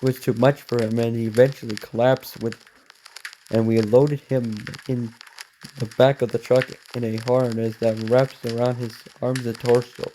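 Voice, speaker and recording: Mellow man reading a story with asides. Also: medium pitch, level tone, a little hiss or hum. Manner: reads haltingly, corrects himself and cuts in with quick asides. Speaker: reaction video host. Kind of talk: reading a story aloud with reactions.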